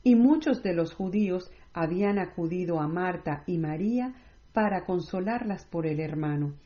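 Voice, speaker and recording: A woman reading scripture aloud in a measured, scripted way, with no commentary. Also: fairly low pitch, animated, mellow. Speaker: Bible reader. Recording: roomy, slightly dull recording.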